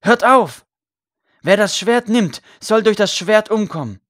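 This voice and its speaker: A man voicing a gaunt condemned priest who preaches loudly to a crowd. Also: sits high, lively intonation, a little slow, no echo, studio quality, pitched above the performer's own voice. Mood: urgent. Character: gaunt condemned male priest, fervent and forgiving.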